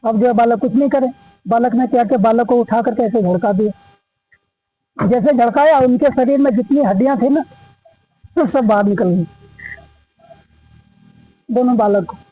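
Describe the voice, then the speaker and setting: A man's voice: extremely high pitch, moderate pace, pauses often, mellow, dry recording, rough recording. A man telling a religious legend at an ashram in a folksy, repetitive way, slipping into the voices of his characters. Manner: folksy, repetitive, acts out quoted dialogue. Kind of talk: casual oral storytelling. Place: ashram gathering.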